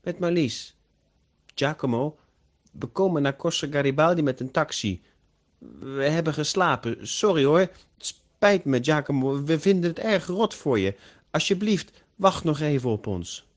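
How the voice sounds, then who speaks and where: A man voicing a young Dutch woman who is apologetic and cheerful, speaking slowly and carefully. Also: a little high, lively intonation, pitched above the performer's own voice. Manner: slow, carefully pronounced.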